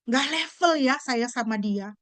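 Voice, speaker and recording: Woman pastor, sermon, high voice, dry close mic, animated questioning delivery. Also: unhurried, no room sound. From Indonesia. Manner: animated preaching with rhetorical questions.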